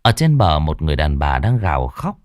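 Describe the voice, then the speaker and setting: Man, ghost story narrator, deep voice, lively dramatic delivery, dry close recording. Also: brisk, no room sound.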